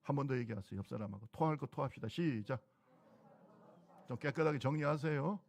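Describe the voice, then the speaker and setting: A man's voice: medium pitch, a little fast, darkish tone. A middle-aged man preaching a sermon as pastor, exhorting the congregation with repeated calls.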